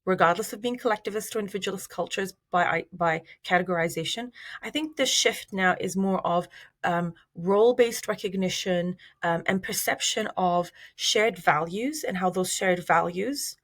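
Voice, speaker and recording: A middle-aged woman from Iraq, a researcher giving measured, thoughtful interview answers with fillers and restarts. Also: on the low side. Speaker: researcher guest.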